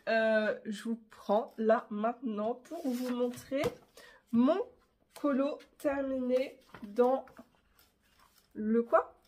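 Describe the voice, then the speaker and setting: A woman's voice: fairly high pitch, a little mellow. A middle-aged woman from France chatting casually in a craft vlog, rambling with many fillers and swallowing her syllables. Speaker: craft vlogger.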